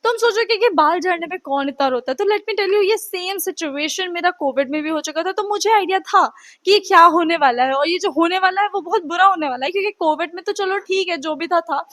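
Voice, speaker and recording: Very high-voiced chatty teen girl. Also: fairly quick, fairly bright tone. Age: teens. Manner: chatty, dramatic storytelling, acts out quotes. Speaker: vlogger. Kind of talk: storytime vlog.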